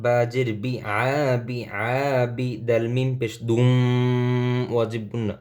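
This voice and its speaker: Male quran tutor, bengali native, slow syllable-by-syllable drills, mid pitch. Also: flat delivery. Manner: slow, deliberate syllable-by-syllable spelling. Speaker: Quran teacher. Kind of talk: spelled-out Quran reading lesson.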